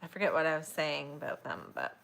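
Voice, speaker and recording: A woman's voice: deep voice, big pitch swings, fast talker, gravelly, a bit bright. A young woman chatting casually while she crochets, rambling, laughing often and cooing at her dogs. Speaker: crochet vlogger.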